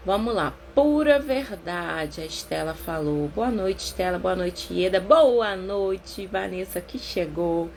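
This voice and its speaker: A Brazilian woman therapist leading a casual live book-club talk, chatty and expressive, slowing down to stress her points. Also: on the low side, creaky, slight background noise. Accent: Brazilian Portuguese.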